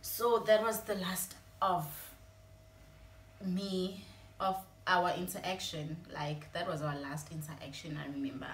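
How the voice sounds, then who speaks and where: A woman's voice: on the low side, fairly even intonation, unhurried. A young woman with a South African Zulu accent, telling a personal story in a confiding, emotional way as a vlogger. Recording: echoey room with faint ambient noise.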